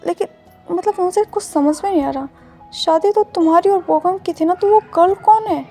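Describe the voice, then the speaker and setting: A woman's voice: high voice, fairly even intonation, normal speed, dark tone, faint music behind. A woman voicing a flustered young man in love in a told fan-fiction story. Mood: shocked.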